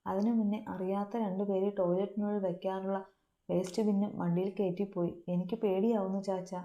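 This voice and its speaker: A woman voicing a frightened, tearful young female student who speaks in shaky, halting bursts. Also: medium pitch, little pitch movement, mellow, lo-fi sound, close to an everyday voice. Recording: roomy echo.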